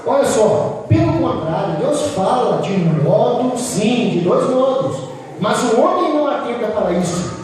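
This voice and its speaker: High-voiced preacher in echoey hall. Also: male voice, animated, unhurried, a little mellow. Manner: impassioned, rhetorical questions to the congregation. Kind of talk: sermon. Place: church hall. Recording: echoey hall, distant mic, faint noise.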